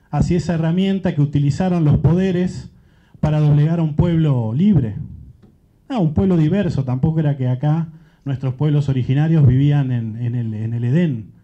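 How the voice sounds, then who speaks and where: A man from Central America addresses a panel, reflecting aloud with an earnest, searching manner. His voice sits somewhat high yet sounds very dark and mellow. The recording is dull and muffled, like a lo-fi capture of a live event.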